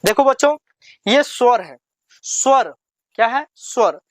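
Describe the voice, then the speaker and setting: An extremely high-pitched, expressive man drills children on their letters, answering each question he asks in a call-and-response style. He talks to them slowly and repetitively, and no room sound is audible.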